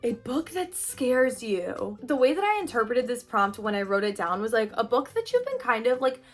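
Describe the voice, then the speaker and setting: A woman's voice: on the high side, fairly bright tone. A woman in her twenties chatting casually in a book vlog, upbeat and thinking aloud with lots of "like"s. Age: 20s. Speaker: booktuber.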